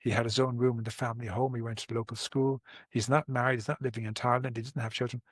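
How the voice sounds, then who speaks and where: This Irish man in his sixties is a therapist explaining his approach in conversation. He talks fast at a medium pitch with little pitch movement, earnestly restarting and repeating words and offering everyday examples. The recording is dry.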